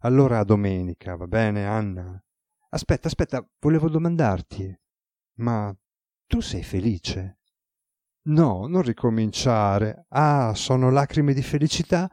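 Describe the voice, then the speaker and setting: A weary, ironic male god with a relaxed, teasing way of speaking, voiced by a man reading a novel aloud. The voice sits low and mellow. The recording is close and dry. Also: unhurried, no echo. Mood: amused.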